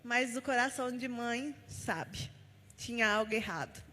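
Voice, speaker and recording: A woman with a somewhat high voice shares a personal testimony at a church gathering. She tells it with heartfelt feeling as a story and recounts the conversations she had. Her voice rings out with the long reverb of a large church hall. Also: unhurried, pushed and bright, a little hiss or hum. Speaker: testimony speaker at a church service.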